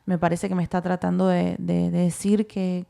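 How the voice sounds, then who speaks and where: Creaky-voiced Uruguayan woman telling a story. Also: on the low side, moderate pace. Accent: Uruguayan Spanish. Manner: animated, acts out her own inner dialogue. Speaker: co-host. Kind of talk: casual testimony storytelling.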